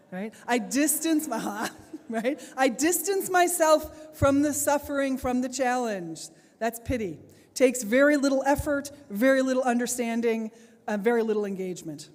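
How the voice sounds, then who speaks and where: A teacher trainer delivers a plenary talk to teachers in a large conference hall, drawing the audience in with questions and laughing often. Her voice is high with a darkish tone, and the hall's reverb colours it.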